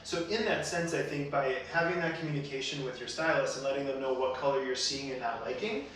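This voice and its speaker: A man's voice: medium pitch, fast talker, fairly bright tone. A man hosting a casual advice talk as a hairstylist, explaining things in a conversational, roundabout way. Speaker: hairstylist and show host. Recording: very echoey room, distant mic, faint noise.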